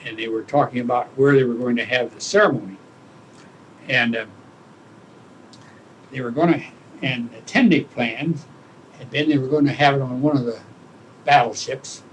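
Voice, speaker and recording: An elderly man, a war veteran, reminiscing in an interview, haltingly searching for his words as he remembers. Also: mid-range voice, fairly even intonation, slight background noise, low-quality recording. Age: older, around 80. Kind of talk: oral history interview, reminiscing.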